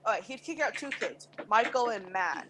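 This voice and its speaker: A woman's voice: mid-range voice, expressive, moderate pace, sharp tone. A young woman telling a rambling school story with lots of fillers and self-corrections, casual talk with friends over an online game chat. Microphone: headset mic on the shoulder. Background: chickens clucking.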